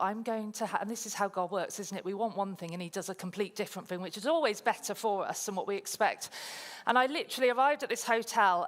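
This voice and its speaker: A woman's voice: medium pitch, fairly bright tone. Chatty woman preaching in echoing hall. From South Coast of England. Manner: chatty, self-deprecating storytelling. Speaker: guest speaker. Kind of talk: sermon with personal story. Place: church hall. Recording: long church hall reverb.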